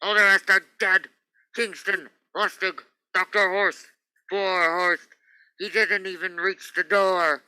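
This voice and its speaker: A man's voice: high-pitched, little pitch movement, slow pace, sharp tone, smooth, no echo, exaggerated voice. A man playing a desperate, pleading space captain stranded alone on Mars, in old radio drama style. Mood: grieving, alarmed. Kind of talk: 1940s-50s radio drama acting.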